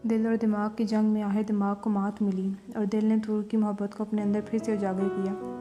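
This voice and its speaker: A woman storyteller reading a romance story in a measured, even voice, with music behind her. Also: mid-range voice. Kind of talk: scripted romance story narration.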